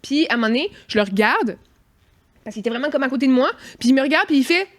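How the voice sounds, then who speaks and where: A woman with a Québécois accent, co-hosting a podcast and telling a story in a casual, animated way, mimicking noises as she goes. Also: high voice, fast talker. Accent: Québécois French. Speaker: podcast co-host.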